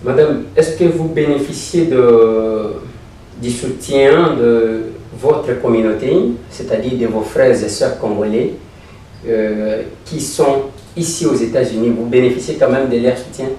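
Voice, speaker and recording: A man's voice: medium pitch, a little slow, dark tone. A man interviewing a guest, asking probing questions with many hesitant fillers and repeated words. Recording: echoey room, voice from far off, faint noise.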